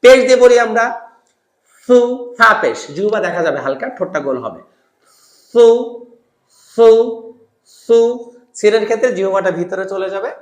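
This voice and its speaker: A Quran pronunciation teacher speaks, in a middle-pitched voice. The teacher demonstrates each sound again and again, slowly and patiently. The recording carries a noticeable room echo. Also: expressive. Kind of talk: instructional lesson. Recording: echoey room.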